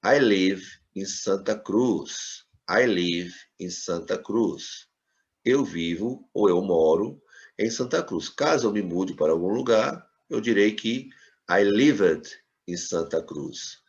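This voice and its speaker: A fairly low-voiced man gives a classroom lesson, patient and repetitive, checking in with his students as he goes. The sound is a bit dull and lo-fi. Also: animated, slow. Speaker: English teacher.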